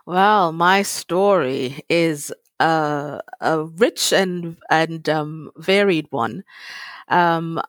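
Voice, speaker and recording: A woman in her fifties from Trinidad, answering interview questions in a measured, thoughtful way. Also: low voice, no room sound. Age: 50s. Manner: measured, thoughtful, with fillers and light laughs. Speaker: guest, author.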